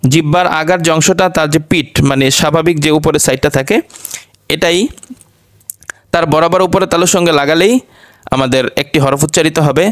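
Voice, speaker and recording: A man's voice: on the high side, brisk, long pauses, no room sound, studio quality. A man teaching Quran pronunciation, patiently repeating each letter sound several times. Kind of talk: lesson.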